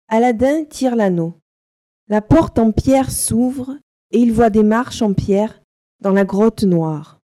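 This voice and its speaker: A woman narrating a simple storybook slowly and carefully for learners. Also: on the high side, dark tone. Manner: slow, simple, carefully articulated.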